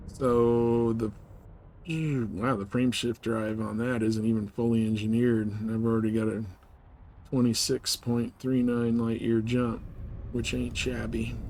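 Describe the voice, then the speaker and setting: Talking to his viewers during a live game stream, the host explains things and offers tips in a relaxed, everyday way. His mid-range voice is monotone and slightly mellow, delivered at a measured pace over a faint hiss or hum.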